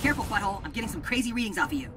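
Game cyborg kid: metallic robot filter, brisk clipped readouts, loud game music behind. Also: male voice, high voice. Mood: robotic. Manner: clipped, computer-like announcements. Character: young boy hero in a homemade cyborg suit. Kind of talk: video game voice acting.

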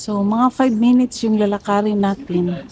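A woman's voice: mid-range voice, unhurried, dark tone. A woman with a Filipino accent chatting casually for an outdoor travel vlog, switching between languages, with wind on the mic. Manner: chatty, giggly, code-switching. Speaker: vlogger. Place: windy outdoor beach resort.

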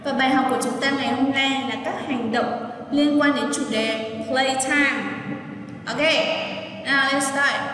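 A woman with a high voice teaches young children English at an unhurried pace, repeating each word and asking them to say it after her. Her voice rings around a very echoey room with a long reverb tail. She sounds set back from the microphone. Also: a bit bright, a little hiss or hum. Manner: drills words slowly, asking children to repeat. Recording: very echoey room, voice from mic distance.

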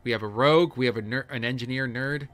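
A man's voice: medium pitch, fast, a bit bright. A man hosting a let's play, joking and making sarcastic asides while commenting on the game. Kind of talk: casual gameplay commentary. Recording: music behind.

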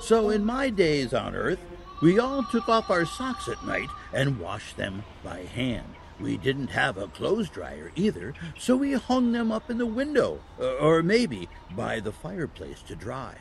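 An actor playing a kindly, patient old Saint Nicholas as Santa in a family audio drama, telling stories with a gently halting, chuckling manner. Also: male voice, medium pitch, huge pitch swings, creaky, heavily acted. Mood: jovial storytelling.

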